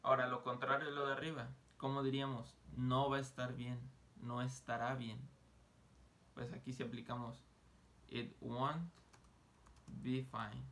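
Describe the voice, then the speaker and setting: A man teaching an online English lesson, explaining grammar casually and slowly sounding out English example phrases. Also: medium pitch, flat delivery, vocal fry, a bit bright. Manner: slow, deliberate modeling of English phrases; casual, joking asides.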